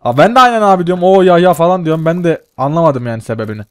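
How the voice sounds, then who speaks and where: A young man with a fairly high voice commentates a game in a casual, excitable way, often breaking into laughter and curses. His voice sits close and dry, with no room sound. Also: rapid-fire, smooth, no room sound. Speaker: gaming channel host.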